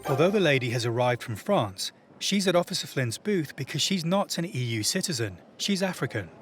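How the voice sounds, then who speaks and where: A man's voice: a little high, big pitch swings, brisk. A man reading scripted documentary narration. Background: loud music.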